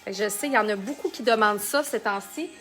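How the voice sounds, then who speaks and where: A woman's voice: mid-range voice, fast talker, fairly bright tone, faint music behind. A woman from Canada with a Quebec French accent, giving a chatty live makeup tutorial and greeting viewers by name. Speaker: makeup consultant. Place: home, under a ring light.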